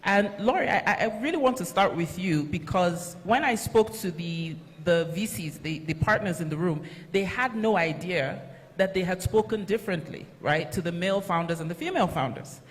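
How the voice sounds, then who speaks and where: A woman's voice: lowish voice, lively intonation, normal speed. A woman moderating a conference panel, addressing the audience and panelists. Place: conference hall stage. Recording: reverberant conference hall.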